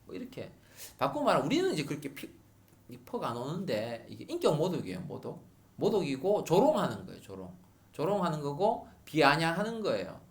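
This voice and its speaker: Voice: mid-range voice, huge pitch swings, a little fast. A middle-aged pastor preaching a sermon at a Friday prayer meeting, repeating key words for emphasis.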